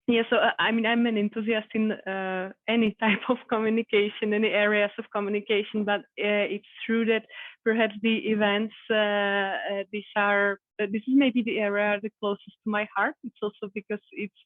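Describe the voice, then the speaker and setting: Give me a woman guest speaking flatly over a dry, tinny line. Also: medium pitch, moderate pace, no echo. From Czech Republic. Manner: hesitant, many fillers, laughs softly. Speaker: guest, communications manager. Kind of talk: interview. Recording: tinny phone-like remote call.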